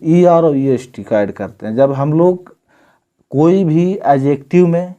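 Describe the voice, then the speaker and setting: A man's voice: fairly high pitch, dark tone. A man from India, teaching an English grammar lesson and reading word lists out one at a time. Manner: explains slowly, reads word lists out one by one. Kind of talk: classroom-style grammar lesson.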